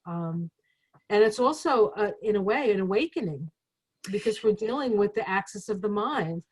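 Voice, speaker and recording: A woman's voice: medium pitch, animated, normal speed, darkish tone, breathy edge, poor audio. A woman astrologer talking casually as a guest, rambling and chatty with many fillers. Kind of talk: casual conversation.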